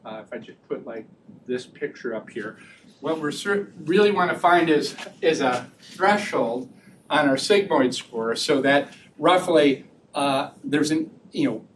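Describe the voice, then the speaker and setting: A man giving an academic research talk and taking audience questions, chatty and relaxed, laughing easily and often restarting sentences. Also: a little high, a little slow. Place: lecture room. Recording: distant mic with faint room noise.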